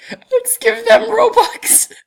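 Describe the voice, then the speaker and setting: A gaming channel host, a young man with a cold, talks through a screen-recorded game in casual commentary, thinking aloud as he clicks around. His voice is very high yet stuffy and deeper from the cold, creaky and monotone at a slow pace, on a low-quality recording. He's giggly and mischievous, often breaking into laughter.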